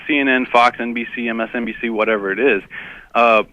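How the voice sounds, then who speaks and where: A man's voice: medium pitch, steady tone, quick pace, sharp tone, no room sound. A man from Texas, a guest on a radio interview, who talks in a hesitant way, full of ums and uhs. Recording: dull lo-fi radio audio.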